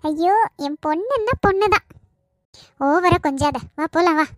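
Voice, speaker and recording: A woman's voice: very high-pitched, lively intonation, moderate pace, dry recording. A woman voicing a harsh, scheming middle-aged stepmother in a cartoon, with a scolding, spiteful way of talking.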